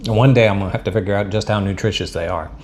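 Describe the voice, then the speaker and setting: A man from the Southern United States, with a fairly low voice and a Southern accent, taste-tests MREs for his vlog at a racing pace. He rambles in a chatty, self-deprecating way, with lots of ums and uhs, while reviewing the food to camera. The mic sits on a table, and there's slight background noise.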